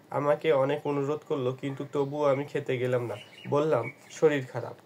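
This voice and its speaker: A man narrating a novel in a measured storytelling manner, sometimes restarting a phrase. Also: mid-range voice, a little mellow. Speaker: audiobook narrator. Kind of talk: reading a novel aloud.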